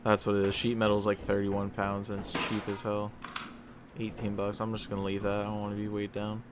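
A man's voice: lowish voice, monotone, a little fast, background noise. A man playing a horror game with a friend in casual chat, swearing and exclaiming like a scared streamer. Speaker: video game player.

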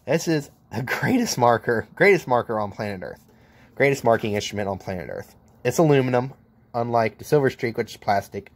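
Filming one-handed on his handheld camera mic, this American welder shows off his tools at an outdoor work table in a blunt, joking demo. He speaks a little fast with a medium-pitched, expressive voice.

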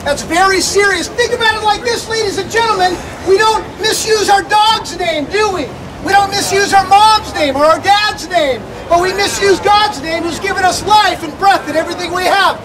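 A middle-aged American man preaching and putting questions to a crowd outdoors in a loud, emphatic, projected delivery. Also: extremely high pitch, normal speed, few pauses. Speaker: street preacher. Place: outdoor beach plaza, crowd and traffic behind. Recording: distant outdoor recording with street and crowd noise.

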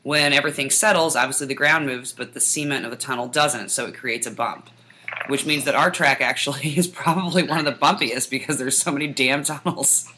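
A woman's voice: rumbling low, fairly quick, sharp tone, a little hiss or hum. A woman co-hosting a racing podcast in casual chat, swearing freely and laughing often. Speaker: podcast co-host.

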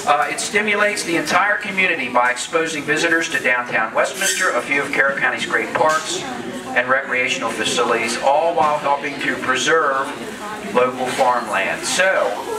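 A man's voice: medium pitch, lively intonation, normal speed. A middle-aged man presenting awards at a public ceremony. He speaks on a handheld microphone and breaks off the script to joke. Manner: joking, off-script asides. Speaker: county commissioner presenting awards. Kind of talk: casual public ceremony speech. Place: large open-sided farm hall. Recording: echoey hall, crowd noise, distant mic.

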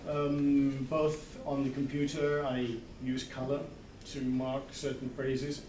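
A warm, medium-pitched voice, flat in delivery and slow, comes from a literary translator in his sixties. At an informal book club, seated in a small circle in a big indoor hall, he thinks aloud haltingly, searching for words. The sound is distant and echoey with background noise, recorded by a camera a few metres off.

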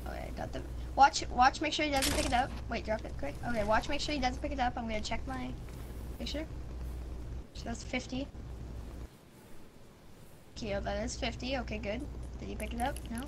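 High-pitched, insistent gamer, female voice. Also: brisk, pauses often. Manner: slangy, insistent, bossy haggling. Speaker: video game player trading items. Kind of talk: casual gaming chat. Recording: noisy game voice chat.

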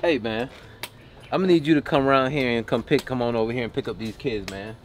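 Grumpy old man, fed-up grandpa for a family comedy skit male actor playing it, mid-pitched, noisy camera sound. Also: expressive, fast talker, lightly acted. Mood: pleading, fed up. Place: around a house, indoors and outdoors. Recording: noisy, roomy, distant camera-mic sound.

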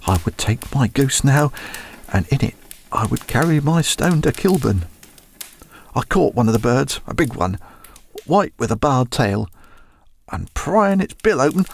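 A man's voice: mid-range voice, creaky, a little hiss or hum. A man playing a frightened young thief who confesses in a desperate, pleading way in a radio drama. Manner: desperate, pleading, breaking into sobs.

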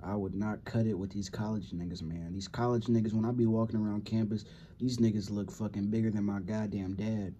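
Here a young Californian reaction-video host rambles through a football game in casual, slangy, heavily profane commentary. His voice is fairly low, mellow and steady, slightly quick, with a little background noise.

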